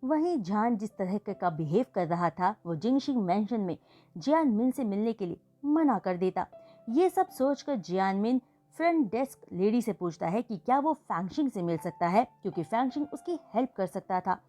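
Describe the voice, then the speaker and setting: A woman retelling a fan fiction story chapter by chapter in a steady storytelling voice. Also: mid-range voice, moderate pace, soft background music. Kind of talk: storytelling recap narration.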